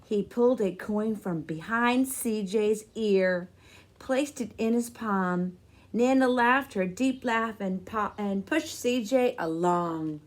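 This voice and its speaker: A woman of medium pitch reads aloud from a children's picture book, narrating as a storyteller with deliberate, expressive phrasing.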